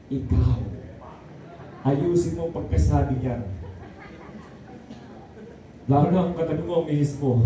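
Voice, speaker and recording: A man's voice: high-pitched, warm tone, recorded from a distance, a little hiss or hum. A man preaching a sermon to a congregation, rousing and calling out for amens and applause. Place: church hall. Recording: very echoey hall, heard from afar.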